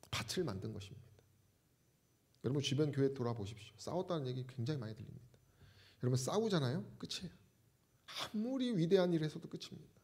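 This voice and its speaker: Animated male pastor preaching. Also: medium pitch. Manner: animated preaching with rhetorical questions. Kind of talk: sermon.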